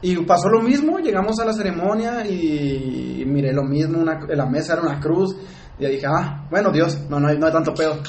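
Young man, Mexican Spanish accent, slangy podcast storytelling, fairly high voice, echoey room. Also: fairly quick. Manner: slangy, laughs often, acts out quoted dialogue. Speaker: podcast co-host. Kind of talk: casual storytelling chat. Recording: echoey room with faint ambient noise.

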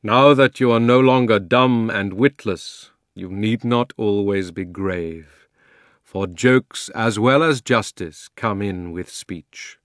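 A great male lion speaks with warm authority, as a man reads him aloud. His words come slow and grave, projected strongly. The storybook recording is dry and close. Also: fairly low pitch, no echo. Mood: gentle. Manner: solemn, commanding, slow. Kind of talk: audiobook character voice.

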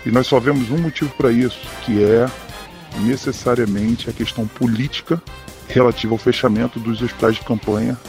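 A man's voice: medium pitch, fairly even intonation, fairly quick, a little mellow, soft background music. Man with a distorted, disguised voice. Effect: voice distorted to hide identity. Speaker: doctor. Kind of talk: news interview clip.

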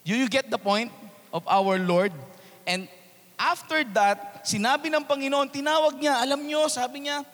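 A man preaching as a pastor, mixing Tagalog and English and swinging between loud, emphatic preaching and quiet asides. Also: extremely high pitch, moderate pace, big-room sound. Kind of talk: sermon.

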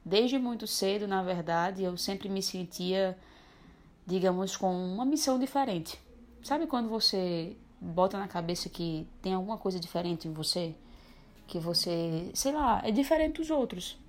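A woman in her twenties telling her personal story as a podcast guest, reflective and lively. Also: mid-range voice, measured pace. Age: 20s. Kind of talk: personal testimony.

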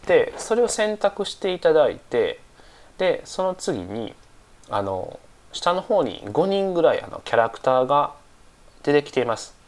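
A man teaching English in a casual lesson, slightly stuffy-nosed from a cold, speaking unhurriedly with many fillers and repeating phrases slowly. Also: fairly high pitch, very animated.

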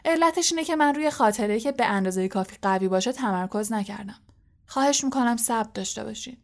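A woman's voice: a little high, natural voice. A woman reading the lines of a shaken, determined boy wizard in an audiobook, speaking urgently and pleading. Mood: earnest.

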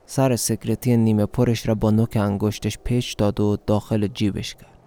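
A man with an Afghan Dari accent reading a story aloud for radio, with a steady, measured delivery. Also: fairly low pitch. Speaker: narrator.

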